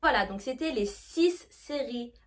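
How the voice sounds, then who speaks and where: A woman's voice: on the high side, unhurried. A young woman from France, an English teacher, explaining to camera and often checking in with her viewers. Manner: lively, checks in often with "d'accord?".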